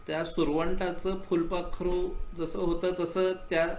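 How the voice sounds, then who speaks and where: A man's voice: sits high, little pitch movement, measured pace, a little mellow, reverberant, a little hiss or hum. A man, a composer, telling the story behind his work in a radio interview, thoughtful and building to passionate emphasis. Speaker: composer guest. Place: radio studio.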